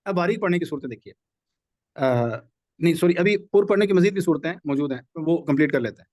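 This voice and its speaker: A man's voice: fairly high pitch, expressive, brisk, a little mellow, dry recording. A man teaching a tajweed lesson in a live online class, patiently repeating rules and examples. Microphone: video call.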